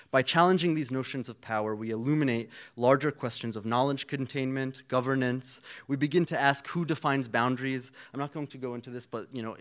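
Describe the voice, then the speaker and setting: A young Palestinian man, a student activist, giving an earnest, rallying panel speech with frequent fillers and restarts. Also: mid-range voice.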